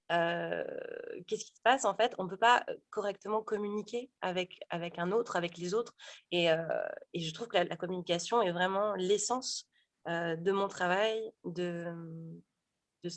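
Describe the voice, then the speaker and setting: This interview features a sophrologist and stage actor in her thirties, chatting informally and often restarting her sentences or using fillers. Her voice is fairly low in pitch, and there is no room sound in the recording.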